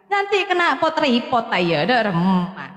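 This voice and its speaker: A woman's voice: a little high, very animated, normal speed, heavy background noise. A woman from Madura chatting casually with her live-stream viewers, laughing often as she talks straight to them. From Madura, Indonesia. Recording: roomy echo with long reverb.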